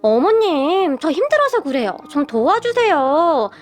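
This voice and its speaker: A clingy young sister-in-law with a whining, wheedling way of talking, as a woman narrator puts her on in a storybook tale. Her voice is high, with faint music behind. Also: lively intonation, fairly quick. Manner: whiny, wheedling.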